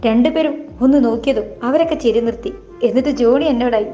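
High, mellow woman reading a novel aloud. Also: fast talker. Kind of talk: dramatized novel reading, first person. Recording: dull lo-fi voice with faint music.

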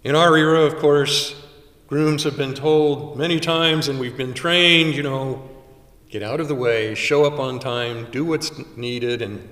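An older man delivers a sermon in a measured, unhurried way, pausing for weight between phrases. His voice sits at an ordinary middle pitch. It is picked up from some distance, with the long, roomy ring of a chapel around it. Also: a bit bright. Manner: measured preaching with dramatic pauses. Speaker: chaplain. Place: small chapel, indoors. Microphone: stand mic at pulpit, far camera. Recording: roomy chapel echo from far off.

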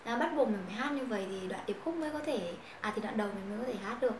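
A woman's voice: on the high side, animated, rapid-fire, echoey room, noisy background. Vietnamese-speaking young woman teaching English songs. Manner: chatty, explains pronunciation, sings lines to guitar. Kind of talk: casual song-based English lesson with singing.

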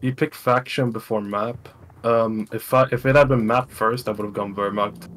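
A man sounds worn out as he talks through a match in casual chat. He trips over himself and restarts his sentences. Swear words come thick and fast. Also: fairly low pitch, fairly even intonation, fairly bright tone. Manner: swears freely, stumbles and restarts often. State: tired. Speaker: tournament player.

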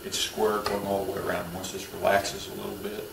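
A man in his thirties, speaking in a low, level voice with vocal fry and a fairly quick pace, walks through a woodworking build step by step. His delivery is plain, practical, instructive and matter-of-fact. He's recorded in a roomy home garage workshop on a distant mic, with tool noise around him.

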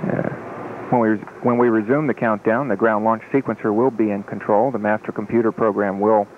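A man with a low voice delivers measured launch commentary, calm and matter-of-fact with small hesitations. The feed is phone-thin with faint background noise. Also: phone-quality sound. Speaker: launch countdown public affairs commentator. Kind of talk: measured official live commentary.

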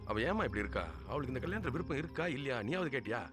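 An actor playing a gentle uncle in a film who hesitantly voices his concern for the bride. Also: mid-range voice, very animated, very fast, natural voice. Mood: worried. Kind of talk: film dialogue. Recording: film soundtrack with music.

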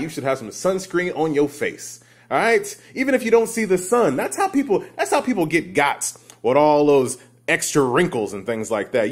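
A man talking casually and playfully to the camera in his home vlog, speaking slangy and straight to viewers. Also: fairly high pitch. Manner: playful, animated, slangy, addresses viewers directly. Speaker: vlogger.

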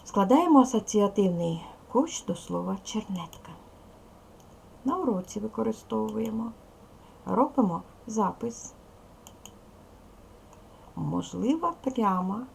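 A woman's voice: mid-range voice, animated, takes it slowly, gravelly, long pauses, darkish tone, slight background noise. A woman teaching second graders in a recorded video lesson, patiently spelling out sounds and syllables one by one. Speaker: primary school teacher.

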